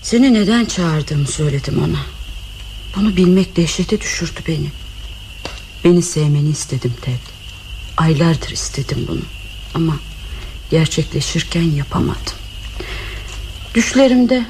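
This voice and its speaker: An actress playing an anguished, unstable married woman in a broadcast radio drama, who lurches between scornful laughter, shouting and quiet confession. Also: fairly low pitch, roomy sound, slight background noise. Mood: hushed, shaken.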